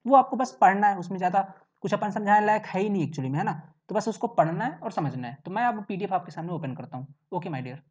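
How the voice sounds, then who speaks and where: A man's voice: high voice, animated, fast talker, few pauses, a little mellow. A man teaching an exam-prep lesson in a casual, chatty way, often checking in with his listeners. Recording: roomy, distant, dull sound.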